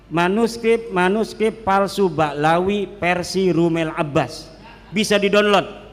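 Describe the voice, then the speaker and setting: High-voiced cleric lecturing in an echoing hall. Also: male voice. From Banten, Indonesia. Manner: lively and joking, switches between regional languages. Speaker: Islamic cleric. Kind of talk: religious lecture to an audience. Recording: hall reverb.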